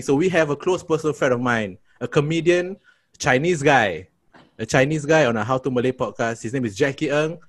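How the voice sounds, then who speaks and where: A man from Singapore hosting a casual comedy podcast, joking and rambling with frequent restarts. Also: on the high side. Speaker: podcast host.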